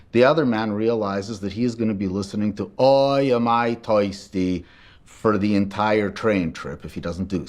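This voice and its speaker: A man being interviewed for a documentary, telling history and jokes in an animated storyteller's manner. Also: lowish voice.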